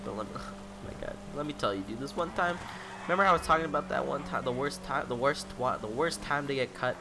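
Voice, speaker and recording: A man's voice: medium pitch, fast talker, vocal fry, very noisy. A young man in his late teens ranting in a rambling, exasperated vlog monologue, swearing constantly. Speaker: vlogger.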